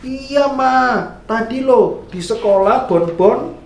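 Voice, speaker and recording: A man voicing a whiny, sleepy young boy who wails in high calls. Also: takes it slowly, vocal fry, distant mic, exaggerated voice. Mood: sulky. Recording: echoey room.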